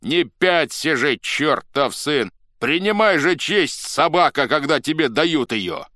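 A man voicing a rowdy, drunken crowd of male Cossacks, shouting loudly and dragging out the words. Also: fairly high pitch, animated, dry recording, studio quality, pitched above the performer's own voice, exaggerated voice. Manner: loud, drawn-out shouting.

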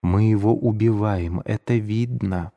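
A man reading a proud young woman's lines in a soft, restrained voice. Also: low voice, moderate pace, big-room sound, dull audio. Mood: hushed restrained. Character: young woman, proud but gentle sister.

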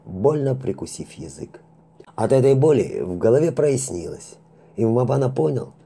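Husky-voiced male audiobook narrator. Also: mid-range voice. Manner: lively storytelling, acts out the characters.

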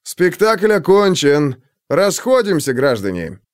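A man's voice: medium pitch, huge pitch swings, a little slow, no echo, clean studio sound. A man doing a curt commanding police major.

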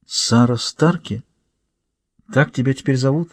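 A man voicing a weary, withdrawn religious woman in an audiobook, speaking her lines quietly and slowly. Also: medium pitch, no echo. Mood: subdued.

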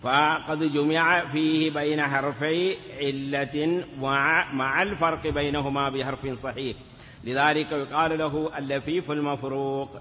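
A man's voice: a little high, fairly even intonation, measured pace, sharp tone, in a large hall, lo-fi sound, slight background noise. A man teaching a grammar lesson in a classroom, asking questions and answering them himself, sometimes drawing words out in a chanting lilt. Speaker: teacher of Arabic morphology. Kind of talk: classroom lecture.

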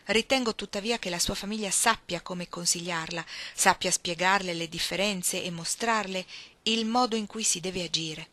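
Woman reading a measured young gentleman. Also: on the low side, no echo. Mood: reassuring. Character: Newland Archer, young gentleman, earnest and reserved.

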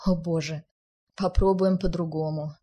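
A woman reading as a teasing, sharp-witted young man. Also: sits low, fairly even intonation, measured pace, husky. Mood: exasperated. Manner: teasing, exasperated. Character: amused, mocking young man, sharp friend.

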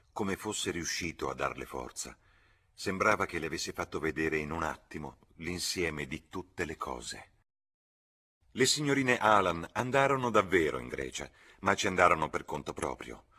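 Very deep, husky male reader. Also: bright, forceful tone. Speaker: audiobook reader. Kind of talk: literary reading.

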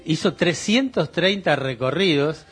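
Older male radio co-host, slightly high voice, easygoing chat, faint music bed. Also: lively intonation, measured pace, fairly bright tone, husky. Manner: conversational, hesitant fillers.

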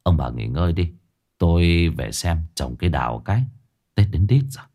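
A man voicing a stern young male exorcist, low, cold and threatening. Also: animated, moderate pace, mellow. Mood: calm.

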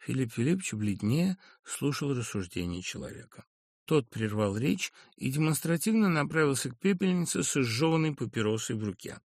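Expressive male audiobook narrator. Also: mid-range voice, fairly quick, no echo, studio quality.

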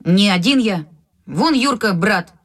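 Brief: excitable young pigeon-keeper boy, audio drama, blurts and cries out, pitch leaps all over. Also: a little slow, no echo, clean studio sound. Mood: earnest.

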